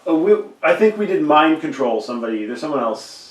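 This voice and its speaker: A man co-hosts a comedy podcast, cracking dry, deadpan jokes between frequent "uh"s. His voice sits a little high. He is recorded in a roomy, echoing space, some distance from the mic. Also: brisk. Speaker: podcast co-host. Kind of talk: joking casual banter. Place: home recording room.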